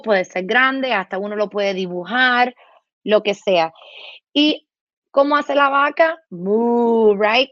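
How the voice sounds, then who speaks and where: Animated woman speech therapist, higher voice. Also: no echo, lo-fi sound. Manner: animated, imitates animal sounds, mixes in English words. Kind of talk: explaining in an interview.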